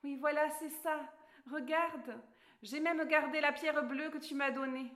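A woman doing an eager, high-pitched young girl. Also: unhurried, reverberant. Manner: high, excited, pleading delivery.

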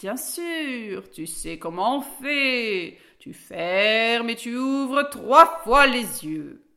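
A woman voicing a kindly old talking oak tree that speaks slowly and gently. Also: on the high side, sing-song, heavily acted. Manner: slow, gentle.

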